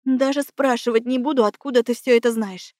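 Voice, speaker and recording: A woman's voice: fairly high pitch, steady tone, brisk, darkish tone, no room sound, studio quality, close to an everyday voice. A woman voicing an injured, sardonic young woman mage who speaks sarcastically and breathlessly. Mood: sarcastic.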